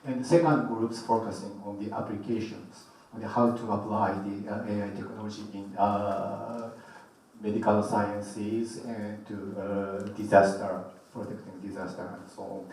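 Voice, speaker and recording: A man from Japan with a Japanese accent, a native Japanese speaker giving an academic lecture in halting, broken non-native phrasing. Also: lowish voice, level tone, a little mellow. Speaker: professor giving a guest lecture. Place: large echoey indoor lecture room. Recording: very echoey hall, distant mic, faint noise.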